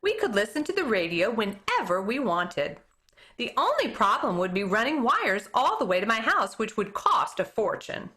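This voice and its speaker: Reading a children's chapter book to her class at a moderate pace, a teacher uses a bright, ringing voice whose pitch rises and falls freely. It's an expressive read-aloud with occasional stumbles that she fixes on the spot.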